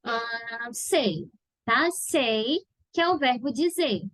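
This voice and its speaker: A high-voiced woman with a Brazilian Portuguese accent, teaching in a patient, didactic way. She keeps checking that her viewers follow along. The recording is close and dry. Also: slow, a bit bright, no echo. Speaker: English teacher. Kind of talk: video lesson explaining study steps.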